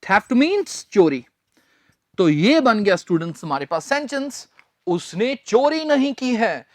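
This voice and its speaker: Slow, high-voiced male grammar teacher. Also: sing-song, dry recording, clean studio sound. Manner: slow and deliberate, spells words out letter by letter and repeats key phrases. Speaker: English teacher. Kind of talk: recorded grammar lecture.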